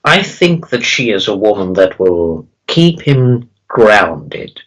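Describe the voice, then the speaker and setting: A man speaking as a calm spirit guide in a seance medium's channeling session, teaching solemnly in halting, repeated phrases. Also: on the low side, exaggerated voice, poor audio. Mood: solemn, assured. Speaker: trance channeler answering questions as a spirit guide.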